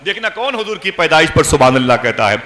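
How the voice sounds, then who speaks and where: A man's voice: fairly high pitch, sing-song, fast, bright, forceful tone. A man preaching an emotional sermon, telling a dramatic story and chanting lines of verse with passion. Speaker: Islamic preacher.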